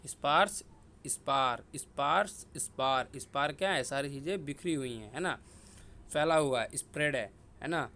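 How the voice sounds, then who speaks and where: A man's voice: fairly high pitch, moderate pace, a bit bright. A young man teaching an exam-prep vocabulary lesson, repeating each word and quizzing himself aloud. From India. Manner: repetitive, drilling words and asking himself questions. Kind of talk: casual Hindi vocabulary lesson with memory tricks.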